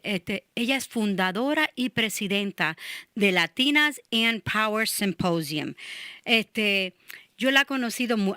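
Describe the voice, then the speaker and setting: A woman's voice: mid-range voice, bright, forceful tone, no echo. A Puerto Rican woman hosts a radio interview in a chatty way, full of fillers and restarts. Her voice sits close and dry, with no room around it. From Connecticut, USA. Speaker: show host.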